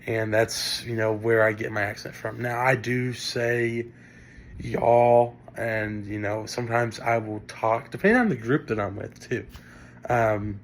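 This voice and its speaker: A young man from northern Indiana with a Great Lakes Midwestern accent gives a casual spoken class presentation for an assignment, full of fillers and restarts. His voice is fairly low and fairly bright, his pace unhurried, with slight background noise.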